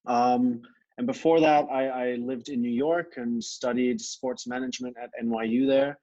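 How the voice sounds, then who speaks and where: A man from Thailand, a podcast guest, chatting casually in a relaxed, rambling way with many fillers and restarts, heard over a video call. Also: mid-range voice, moderate pace, highs cut off. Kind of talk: casual conversation. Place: grandmother's home.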